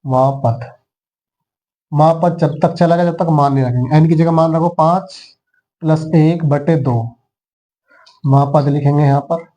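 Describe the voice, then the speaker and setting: A man's voice: a little high, fairly even intonation, unhurried, pauses often, warm tone, highs cut off. A man teaching maths who talks students through each step and counts the items aloud. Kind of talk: classroom lesson.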